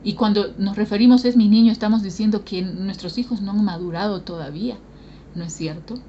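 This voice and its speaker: Woman preacher, earnest sermon, mid-pitched, slightly dull lo-fi recording. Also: fairly quick, warm tone, slight background noise. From Bolivia. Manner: earnest, questioning the congregation.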